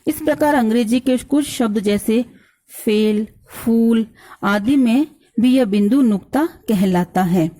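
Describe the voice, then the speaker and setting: A woman's voice: on the high side, mellow. A woman teaching a school grammar lesson, spelling words out sound by sound and answering her own questions for the children. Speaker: Hindi teacher.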